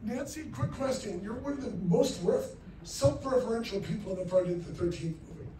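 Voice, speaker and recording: A man's voice: high voice, lively intonation, a little fast, mellow, slight background noise. A man moderating a festival Q&A, asking guests questions and reacting eagerly, recorded from far off in an echoey hall. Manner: enthusiastic, frequent "wow" reactions.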